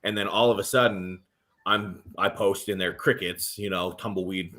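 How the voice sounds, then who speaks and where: A man's voice: low-pitched, normal speed. A man hosting a casual podcast about armwrestling, talking in a loose, profane storytelling way. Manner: profane, animated storytelling with acted quotes.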